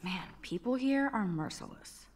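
A woman's voice: medium pitch, lively intonation, normal speed. A woman playing a nerdy, introspective, snarky American teenage girl in a video game, speaking her inner thoughts. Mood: wry, disapproving. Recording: game audio with music underneath. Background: soft music.

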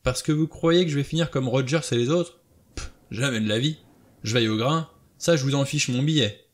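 A man's voice: medium pitch, fairly quick, a bit bright, voice pushed up, natural voice. A man doing Blore, a touchy indignant ex-cop. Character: blunt ex-policeman Blore, touchy and defensive.

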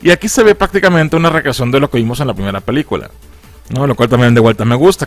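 A man's voice: medium pitch, no room sound. Slangy Mexican man recapping a film. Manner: animated and slangy, acting out characters' lines in a raised voice. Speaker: film reviewer.

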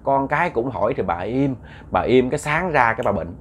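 A man's voice: mid-range voice, animated, brisk, slight background noise. A man telling a ghost story in a chatty, casual way. He repeats words often and talks straight to his listeners.

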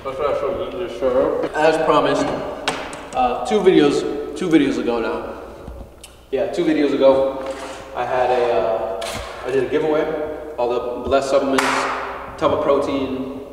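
A young man chats in a loose, slangy vlog style, still winded from training. His voice sits at an ordinary pitch and rings out from a distance in a very echoey room with a long tail. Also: a little slow, pauses often, background noise. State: out of breath after training. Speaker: fitness YouTuber. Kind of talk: casual vlog chat. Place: gym.

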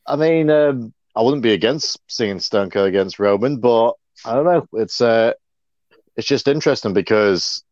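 A man co-hosting a casual livestream rambles along, chatty and full of fillers. His somewhat low, darkish voice comes across dry and dull, like a lo-fi mic in a dead room with no room sound.

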